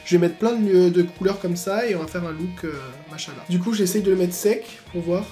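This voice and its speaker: A man hosting a casual makeup tutorial at home, talking in slangy asides and breaking into excited exclamations. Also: high voice, a little fast, faint music behind. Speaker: beauty YouTuber.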